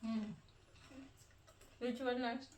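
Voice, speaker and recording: A woman's voice: on the high side, little pitch movement, very slow, a little mellow. A woman reviewing snacks as host in casual taste-test chat, murmuring as she tastes between short verdicts. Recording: roomy, distant, noisy with clicking.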